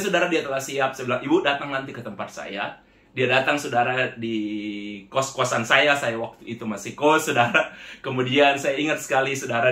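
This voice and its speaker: A man's voice: mid-range voice, sharp tone, echoey room. A man preaching as a pastor, telling a testimony to his congregation and often calling them brothers and sisters. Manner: addresses the congregation as "saudara" repeatedly, acts out quoted voices. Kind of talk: sermon testimony storytelling.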